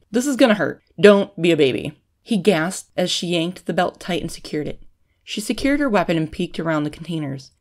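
Woman host reading a short story on her podcast, lowish voice, steady and plain.

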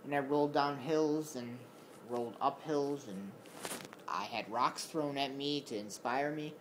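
A man's voice: medium pitch, measured pace. A man talks casually into a camera at home, worn out and distracted. He loses his thread often and fills the gaps with ums and restarts. His voice sits mid-range, with a faint background hiss on the recording. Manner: rambling and easily distracted, many fillers. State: tired. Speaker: vlogger.

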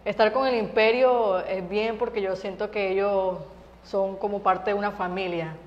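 A woman's voice: medium pitch, fairly even intonation, normal speed, in a large hall, highs cut off, slight background noise. A young Venezuelan woman singer chatting casually as an interview guest, laughing often and talking through lots of fillers. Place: TV studio set.

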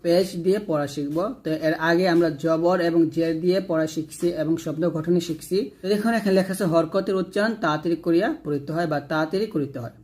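A man's voice: fairly high pitch, quick pace, few pauses, darkish tone. A man with a Bangladeshi accent teaching Quran reading, spelling each Arabic letter with its vowel mark and then blending the syllables into words. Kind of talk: slow spelled-out recitation lesson.

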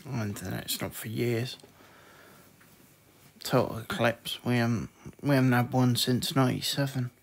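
A woman's voice: very deep voice, fairly even intonation, moderate pace, gravelly. A woman in her sixties chatting off-mic in a dry, teasing way with short replies. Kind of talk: casual family chat. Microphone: off-mic, away from the microphone.

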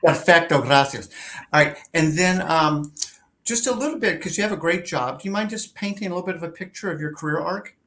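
A man's voice: a little high, fairly quick, fairly bright tone. Upbeat middle-aged man hosting a video call. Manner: upbeat, friendly, conversational with fillers. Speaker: host. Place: home office with a wooden door. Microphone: webcam on a video call.

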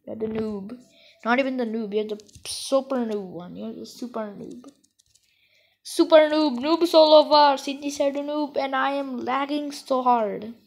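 A woman giving excitable, rambling let's-play commentary during a co-op game, playfully trash-talking her partner. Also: sits high, poor audio. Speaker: gamer playing co-op.

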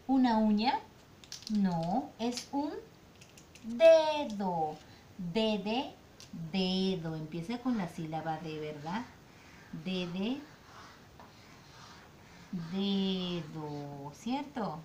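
Sing-song woman teaching little children. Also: darkish tone. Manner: slow, sing-song, drawn-out syllables with constant checks. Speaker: kindergarten teacher. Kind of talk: virtual preschool phonics lesson. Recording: echoey room, faint rumble.

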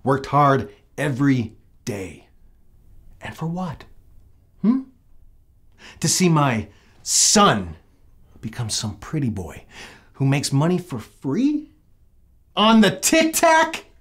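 A man's voice: a little high, huge pitch swings, takes it slowly, long pauses, a bit bright, husky, heavily acted. A middle-aged actor playing a resentful, hard-working father in a comedy series, grumbling with scornful outrage. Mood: scornful, exasperated. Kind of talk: scripted comedy series acting.

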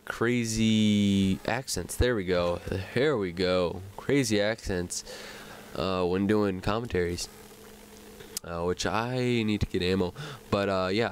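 A man's voice: lowish voice, slight background noise, low-quality recording. A man talking over a video game he is playing, rambling along with lots of fillers, his nose a little stuffy. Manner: rambling, self-chatting, many fillers. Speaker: gaming commentator. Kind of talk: let's play commentary.

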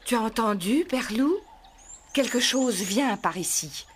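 A woman's voice: a little high, lively intonation, a little slow, slight background noise. A woman voicing a mother wolf who fiercely protects her adopted cub in a storybook reading. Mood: tender. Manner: gentle, then fiercely defiant.

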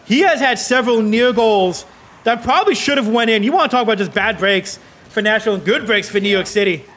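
A man casting esports play-by-play, calling the action in rapid, excitable bursts and sounding out of breath. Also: high-pitched. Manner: rapid excitable calls, rising to yells on goals. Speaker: play-by-play caster.

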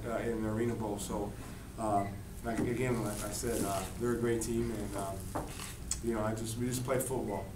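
Man at a postgame press table. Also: medium pitch. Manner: relaxed, many fillers and restarts. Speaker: football quarterback. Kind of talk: postgame press conference answers. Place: press room in front of a sponsor backdrop. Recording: roomy, distant, noisy press room.

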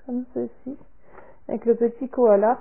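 A woman vlogger showing a product order in casual talk, halting and trailing off softly after each item. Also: on the high side, steady tone, creaky. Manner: slow and halting, repeats "comme ceci" and "voilà", trails off softly. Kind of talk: casual unboxing talk to camera. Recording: tinny phone-like sound.

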